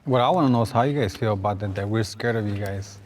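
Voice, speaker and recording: Plain-spoken middle-aged man, low voice. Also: fast talker, a crowd in the background. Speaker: discussion guest.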